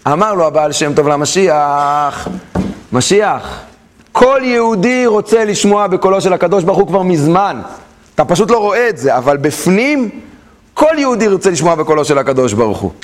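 A high-voiced man with an Israeli Hebrew accent leads a lively Torah class, weaving in stories and putting questions to his listeners. He's animated throughout, acting out the voices of the characters.

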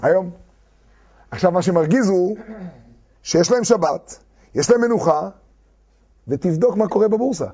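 A man teaching a Talmud lesson to a class, reading quoted texts slowly and then explaining them with fervor. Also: high voice, lively intonation, mellow, slightly rough. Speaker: Torah teacher. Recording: dull lo-fi recording.

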